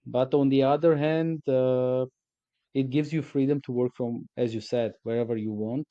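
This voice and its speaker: A man from Armenia, a company CEO speaking as a guest in a relaxed, reflective interview, with frequent fillers. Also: mid-range voice, moderate pace, no room sound, dull audio. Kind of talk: casual interview conversation.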